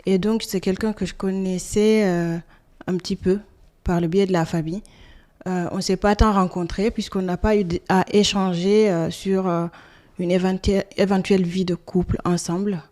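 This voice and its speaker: A woman around forty from Senegal, answering interview questions in a hesitant, soft-spoken way with many pauses. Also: mid-range voice, fairly even intonation. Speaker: guest.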